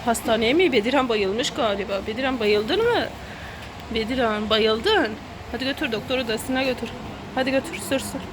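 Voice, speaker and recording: A woman's voice: a little high, moderate pace. A woman, a mother filming a casual family vlog, hurrying her children along and teasing them, in and around a car outdoors. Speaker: mother and family channel host. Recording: street noise clearly behind.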